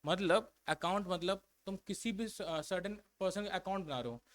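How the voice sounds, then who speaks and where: A young male accountancy tutor giving a classroom lecture, explaining in simple steps and reading definitions slowly before restating them. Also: high voice.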